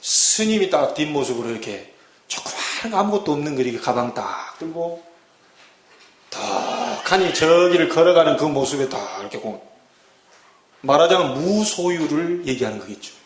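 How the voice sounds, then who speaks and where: A man's voice: a little high, animated, moderate pace, a little hiss or hum. A middle-aged man preaching a sermon as pastor, acting out scenes with dramatic voices. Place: church sanctuary. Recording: echoey church hall.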